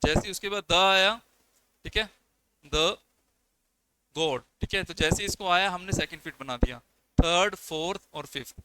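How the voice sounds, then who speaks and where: Against a noisy background, a young lecturer with a high-sitting voice teaches poetry for an exam. He walks through it one step at a time, counts out syllables, and uses his own terms.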